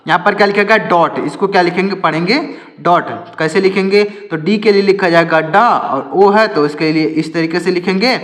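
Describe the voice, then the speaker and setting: A man's voice: high voice, normal speed, fairly bright tone. A man teaching English to beginners, asking questions and answering them himself and repeating key words. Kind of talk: Hindi-language English lesson for beginners. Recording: echoey room with long reverb.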